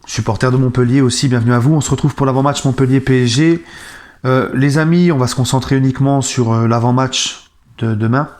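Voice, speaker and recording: Thirties male vlogger, grieving and low-key, rants indignantly at times, mid pitch. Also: steady tone, brisk, a little mellow. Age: 30s. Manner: subdued and sad, then indignant ranting. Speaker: football fan channel host. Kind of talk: casual vlog monologue.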